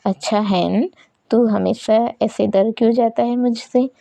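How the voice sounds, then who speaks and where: A woman voicing a bold young man who teases in rough slang, in a read-aloud story. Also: a little high, fairly even intonation, unhurried, mellow, dry recording. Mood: teasing.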